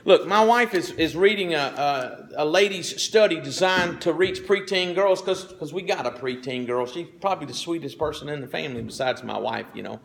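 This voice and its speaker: A middle-aged male pastor delivers a sermon in a loose, folksy manner, tossing in asides and checking in with the congregation. He clears his throat often as he goes. His voice sits somewhat high for a man. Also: animated, moderate pace, hardly any pauses, fairly bright tone. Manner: folksy, conversational preaching with frequent asides.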